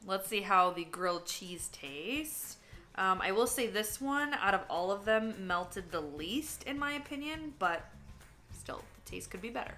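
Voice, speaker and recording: A woman's voice: mid-range voice, animated, unhurried, pushed and bright, faint music behind. A woman chatting casually while tasting food for a vlog, candid and talkative, sometimes talking with her mouth full. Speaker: vlogger. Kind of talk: casual taste-test vlog.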